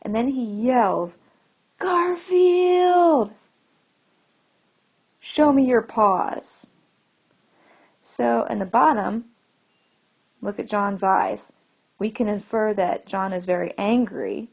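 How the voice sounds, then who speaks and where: A woman's voice: mid-range voice, measured pace, creaky. A woman teacher giving a recorded lesson to children, explaining patiently and asking the class questions as she goes.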